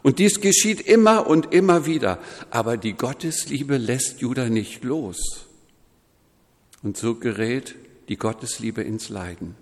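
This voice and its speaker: A man preaching a sermon in a measured, deliberate way, quoting scripture voices as he goes. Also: medium pitch, animated, long reverb tail. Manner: slow, measured preaching with quoted voices woven in.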